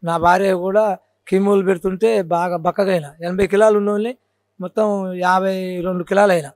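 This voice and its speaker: A man's voice: sits high, little pitch movement, normal speed, no room sound. A man with a Telangana Telugu accent, a folk storyteller telling his cancer story in an interview, earnest and repeating his points. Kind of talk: casual interview.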